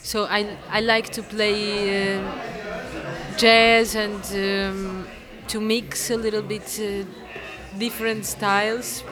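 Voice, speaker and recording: A woman's voice: mid-range voice, level tone, takes it slowly, over music. A woman from Portugal, answering interview questions in a hesitant way with many fillers and restarts. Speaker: interviewee, amateur musician. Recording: crowd chatter behind.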